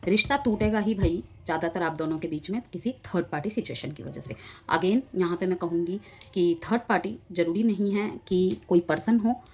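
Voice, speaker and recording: A woman's voice: fairly low pitch, moderate pace, darkish tone, slightly rough. A woman giving a collective tarot reading, explaining the cards straight to her viewers and mixing in English words. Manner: explanatory, addresses viewers directly, drifts between Hindi and English. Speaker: tarot reader.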